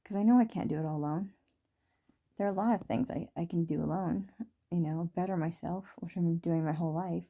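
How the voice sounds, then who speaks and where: A woman in her thirties talking through her feelings in a rambling, reflective video diary, full of fillers and soft laughs. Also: fairly low pitch, fairly quick. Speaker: vlogger. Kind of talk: reflective personal diary talk.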